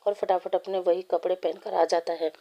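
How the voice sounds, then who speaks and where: A woman reading a fan story aloud, in a steady, plain way with small slips. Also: lowish voice, normal speed, lo-fi sound.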